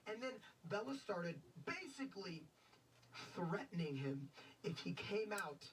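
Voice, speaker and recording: Lively woman recapping, distant mic. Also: lowish voice, a little slow. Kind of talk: casual spoken recap. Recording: distant mic with faint noise.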